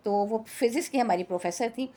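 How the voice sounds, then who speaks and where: A woman with a Pakistani accent, teaching an English textbook lesson. She explains in Urdu with chatty asides and reads the English passages slowly and deliberately. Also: a little high, warm tone, a little hiss or hum. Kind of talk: recorded lecture explaining a textbook.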